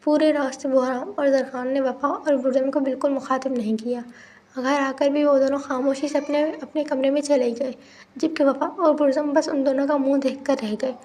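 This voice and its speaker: High-voiced woman reading a novel. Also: moderate pace. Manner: steady, even reading. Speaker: narrator.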